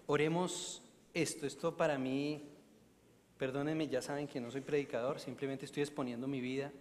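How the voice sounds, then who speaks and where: A man giving a storytelling talk at a parish Lenten mission. He is animated and swings from loud to hushed. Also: medium pitch, moderate pace. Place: church. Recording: long church reverb, faint noise.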